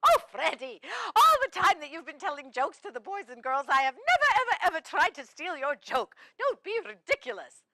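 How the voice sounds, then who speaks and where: Woman doing Mrs Claus: jolly, kindly children's host, sing-song laugh, high voice, dry close sound. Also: sing-song, fairly quick, pushed and bright, no room sound, full character voice. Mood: cheery. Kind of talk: children's show role-play.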